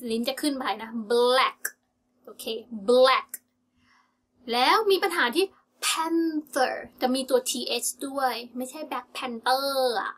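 A young woman with a high, crisp, bright voice runs a casual pronunciation lesson. She drills each word slowly and says it again and again with careful stress. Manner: drills words slowly and repeats them with stress. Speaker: English pronunciation teacher.

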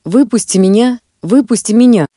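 A woman narrator puts on a boastful male spirit of a fairy tale who threatens and then pleads. The voice is warm and soft rather than bright. It sits in a dry, close recording. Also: fairly high pitch, moderate pace, breathy edge, no echo. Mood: pleading.

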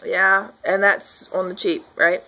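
A woman's voice: mid-range voice, level tone, measured pace, pushed and bright, low-quality recording. A woman in her forties giving a casual, rambling video update from her living room, talking into a webcam with plenty of fillers. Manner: chatty, rambling, frequent fillers and affirming yeahs. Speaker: folk artist and healer. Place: living room at home, indoors. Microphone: webcam at desk distance.

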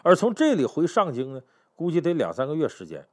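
Brief: a man spinning a history tale, lively pitch, slightly high voice, keeps asking the audience questions. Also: a little fast. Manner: chatty, animated, rhetorical questions to the listener. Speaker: history storyteller. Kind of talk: storytelling history talk.

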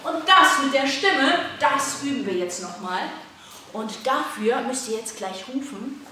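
Kids' coach, woman, German accent, slow and encouraging, recorded off-mic in a room. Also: high voice, animated, heavy reverb, far from the mic, slight background noise. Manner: encouraging, coaxing young children with loud calls. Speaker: children's movement coach. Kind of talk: leading a kids' online workout. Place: indoor room.

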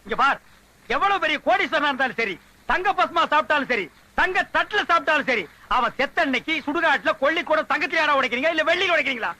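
An actor playing a boastful village potter who rattles off fast sales talk about his pots. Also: extremely high pitch, lively intonation, pushed and bright, exaggerated voice, poor audio. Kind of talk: film dialogue.

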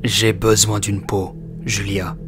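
A man voicing a bitter, brooding flayed monster who speaks with slow, nonchalant menace in a horror audiobook. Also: on the low side, level tone, music in the background. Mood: brooding, menacing.

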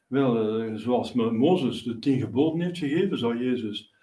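A man's voice: mid-range voice, measured pace, mellow. A male priest preaching a sermon, explaining at length with many fillers and restarts. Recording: roomy echo, voice from a distance.

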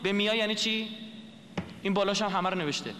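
Guy with a really high voice giving a lecture, spells things out letter by letter, quizzes the crowd, echoey hall with a bit of hiss. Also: sharp tone. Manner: explains letter by letter, asks the audience questions. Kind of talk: lecture to an audience.

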